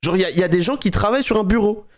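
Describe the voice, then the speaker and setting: A man's voice: high voice, racing. A young man from France telling a funny everyday story on a live stream, casual and slangy, acting out what people said and laughing often. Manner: animated, slangy, acts out quotes, laughs often.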